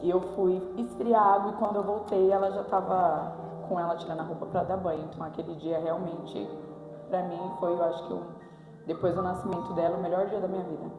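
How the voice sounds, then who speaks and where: A young woman quietly giving a reflective church testimony, slow and soft. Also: fairly low pitch, level tone, music in the background. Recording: echoey church hall from off-mic.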